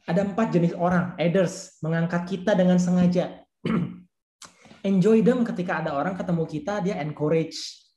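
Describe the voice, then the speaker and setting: A man leads a church youth discipleship class with a warm, mellow voice. He talks casually, in slang, and says his key points twice. The recording has a roomy echo. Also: high voice, normal speed. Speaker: youth ministry leader.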